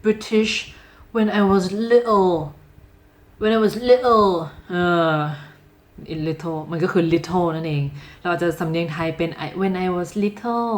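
A woman from Thailand giving a casual video lesson on English, speaking lively and straight to the viewer, and repeating example phrases slowly and clearly. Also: lowish voice. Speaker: English teacher.

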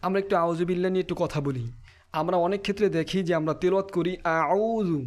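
A man teaching Quran pronunciation, explaining each letter quickly and then chanting the verses slowly. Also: sits high. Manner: clears throat now and then. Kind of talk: Quran pronunciation lesson with recitation.

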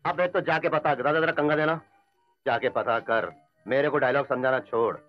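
A man's voice: mid-range voice, moderate pace, muffled recording, faint music behind, lightly acted. An actor playing an arrogant, lecherous male film star who barks commands at others. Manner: commanding, shouting orders.

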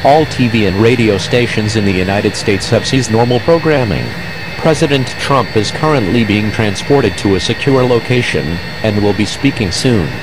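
Guy reading an emergency alert broadcast that cuts into regular programming, kinda low voice, flat measured official tone, clear noise running under it. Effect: emergency alert broadcast cutting into regular programming. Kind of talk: scripted emergency announcement.

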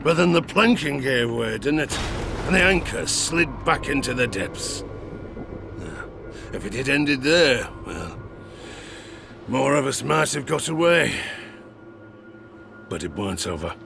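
This theatrical old sailor, an older man with a gravelly mid-range voice, narrates a tavern sea tale as a boastful, haunted harpooner in a dramatic audio drama. His delivery is grim and dramatic, with lively intonation, a slightly slow pace and long pauses, laced with sailor's slang, chuckles and stagey asides, over a noisy background.

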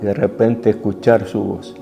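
Gravelly River Plate preacher man. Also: fairly low pitch, little pitch movement, normal speed, muffled recording, over music. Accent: Rioplatense Spanish. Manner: intimate, emotional preaching that swings between soft hushed passages and forceful rises. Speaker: apostle preaching. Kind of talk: sermon.

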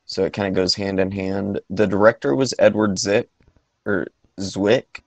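A man's voice: deep voice, fairly even intonation, brisk, dry recording, dull audio. A man co-hosting a casual movie podcast, talking in a hesitant way with lots of ums and restarts. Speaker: podcast co-host.

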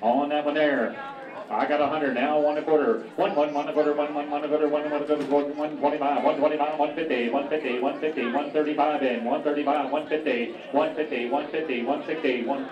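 Auctioneer guy rolling thru bids fast, kinda high voice, echoey hall, crowd noise. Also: steady tone. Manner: rapid rhythmic bid calling. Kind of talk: auction chant. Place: large community hall with crowd. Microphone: handheld mic, heard from far. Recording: roomy distant lo-fi hall recording with crowd.

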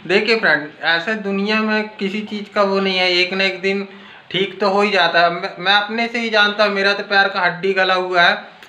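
A man's voice: sits high, steady tone, moderate pace, bright, forceful tone, echoey room. A man chatting casually to viewers in a home vlog, filming on his phone in the kitchen. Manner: chatty, addresses viewers as friends. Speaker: vlogger.

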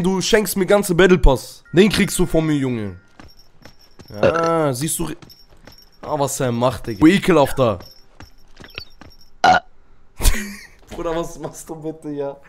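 A young man chatting excitedly while playing a video game, often shouting and using youth slang. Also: a little high, slow, pauses often, soft background music. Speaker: gaming YouTuber. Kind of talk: excited gaming chat.

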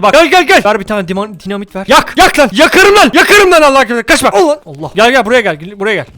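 High-voiced guy ranting fast over his game, yelling and cussing, jokey bragging. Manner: excitable, swears and shouts at the game; jokey boasting to viewers. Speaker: gaming streamer. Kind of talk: let's play commentary.

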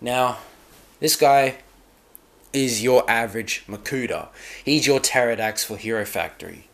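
Slow, rambling man reviewing a toy. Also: medium pitch, a bit bright. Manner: rambling, halting, with many restarts and fillers. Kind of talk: casual hands-on toy review. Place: dim room at a desk.

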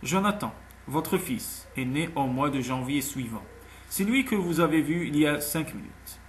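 A man's voice: a little high, lively intonation, normal speed, a little hiss or hum, lightly acted. A man voicing a proud, anxious young single mother in an audiobook, speaking earnestly. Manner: earnest, tense, pleading. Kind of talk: audiobook character voice.

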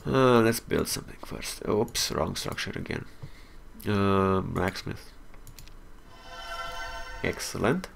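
A man's voice: low voice, takes it slowly, creaky, pauses often, soft background music. A man hosting a let's play, thinking aloud in casual gameplay commentary, swearing freely and laughing at his own mistakes.

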